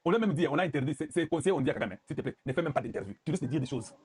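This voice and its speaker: Animated man commenting on news. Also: a little high, racing, breathy edge. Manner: lively, mocking, switches into Lingala. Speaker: political commentator. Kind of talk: commentary reacting to news clips.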